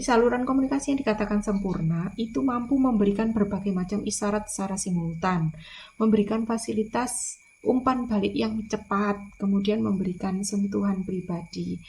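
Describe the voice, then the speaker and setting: A woman's voice: mid-range voice, creaky, dark tone, slight background noise. A woman lecturer, explaining in a recorded online lecture, repeating key points with frequent fillers.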